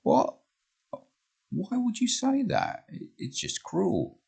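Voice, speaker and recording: A man's voice: sits high, huge pitch swings, slow pace, gravelly, dark tone, breathy edge, voice pushed up, heavily acted. A man voicing a concerned female friend, pushing his voice up and firing pressing questions.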